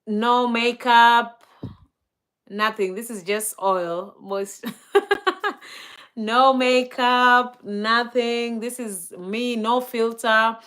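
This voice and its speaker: A Kenyan woman livestreams, chatting and reading viewer comments aloud with plenty of fillers and easy laughter; her first languages are Swahili and Luo, and she has a Kenyan accent. Her voice sits on the high side, fairly even in intonation, with drawn-out words and a clear, resonant, fairly bright tone.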